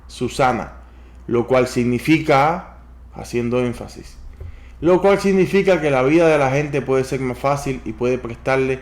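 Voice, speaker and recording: A man hosting a daily video where he reads a business book aloud and adds advice. He speaks to his viewers directly and reads the examples slowly and deliberately. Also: mid-range voice, a little mellow. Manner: advising, addresses viewers directly. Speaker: host reading a book aloud. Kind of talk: reading aloud with commentary.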